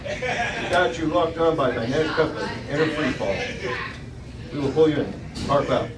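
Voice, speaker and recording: A man with a somewhat high, lively voice reads the part of a polite, clipped, procedural space station radio operator in a businesslike tone at normal speed. It's a table read of a sci-fi script at a restaurant dining room table, and his voice sounds close to everyday. The recording is distant and echoey, with a loud crowd and restaurant noise.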